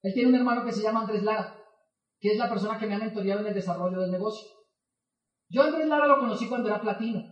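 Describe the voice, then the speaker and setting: A man's voice: high-pitched, rapid-fire. A man, telling a story to an audience as a motivational speaker and acting out the dialogue in it. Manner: lively, acts out dialogue in quotes. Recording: echoey hall, mic from far off.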